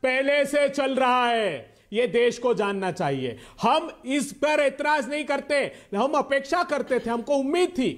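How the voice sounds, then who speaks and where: High-pitched, insistent man in political debate. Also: animated, unhurried, few pauses. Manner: insistent, repeats phrases over interruptions; oratorical, addresses absent leader rhetorically. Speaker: Congress party spokesperson on a debate panel.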